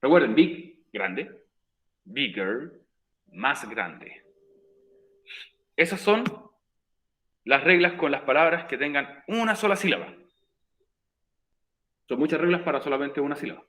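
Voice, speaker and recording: A man's voice: a little high, lively intonation, unhurried, pauses often, a bit bright. A man teaching an English class, patiently repeating the rules step by step. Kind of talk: recorded virtual class explanation.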